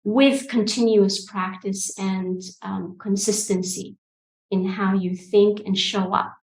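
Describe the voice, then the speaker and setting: Speaking from a room lined with bookshelves, this woman in her forties, a guest coach with roots in Egypt and the UK, answers interview questions thoughtfully. Her medium-pitched voice stays calm, though she hesitates and says um a lot. Her earbud mic picks her up over a video call, and the sound is roomy.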